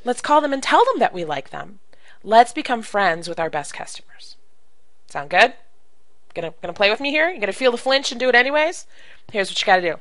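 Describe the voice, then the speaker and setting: A woman coaching direct sales in an animated, emphatic way, acting out phone calls as she teaches. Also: fairly high pitch, a little fast, no room sound, rough recording. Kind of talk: coaching video talk to camera.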